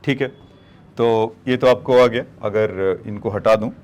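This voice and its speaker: Here a physics teacher walks through whiteboard problems one step at a time, speaking to his students as children. His voice is fairly low and a little mellow, and he keeps a measured pace.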